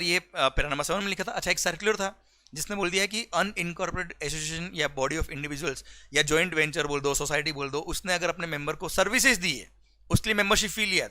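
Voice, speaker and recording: Brief: male revision lecturer, Indian English with Hindi, very bright and slightly high voice, quick explanations broken by slow dictated passages. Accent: Indian English mixed with Hindi. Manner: switches between rapid explanation and slow dictated legal text, often asking "clear?". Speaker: teacher.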